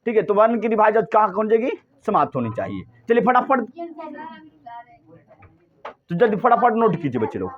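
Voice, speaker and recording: Male teacher, high and animated voice, quizzes the class over and over. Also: fast, narrow, tinny audio. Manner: drills students with repeated questions. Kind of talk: classroom lesson.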